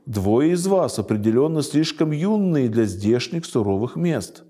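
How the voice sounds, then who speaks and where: A man's voice: mid-range voice, expressive, moderate pace, darkish tone, pitched above the performer's own voice, natural voice. A man reading aloud as a beautiful lady with a tender, sing-song voice. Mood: sweet.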